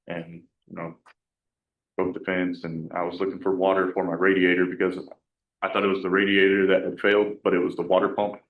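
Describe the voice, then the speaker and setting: A man speaks as a defendant, hesitant and soft-spoken, often restarting his sentences. His voice is very low and flat, and it reaches the mic from far off in an echoey courtroom. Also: fairly quick, narrow, tinny audio, slight background noise. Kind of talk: answering in court.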